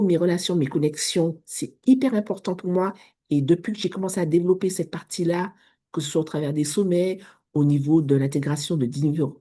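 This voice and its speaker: A woman's voice: sits low, warm tone, husky. A woman in her thirties with an English accent, a chatty vlogger who talks straight to her viewers and often restarts her words. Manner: chatty, addresses viewer as tu, self-correcting restarts. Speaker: vlogger, business coach. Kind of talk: casual direct-to-camera talk.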